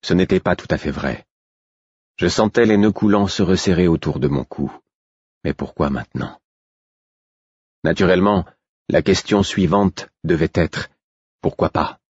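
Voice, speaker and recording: A man reading a first-person story aloud in measured audiobook narration. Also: low voice, a little mellow, slightly rough, no echo, highs cut off.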